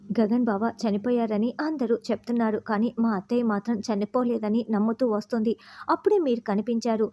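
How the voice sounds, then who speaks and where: Woman doing a desperate young lady, begging, kinda high and mellow, bit lo-fi. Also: natural voice. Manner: begging, earnest.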